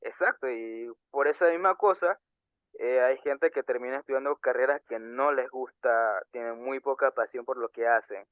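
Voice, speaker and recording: A young man co-hosting a casual podcast, earnest and halting, with many fillers and restarts. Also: medium pitch, dry recording. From Panama. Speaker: podcast co-host. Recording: tinny phone-like sound.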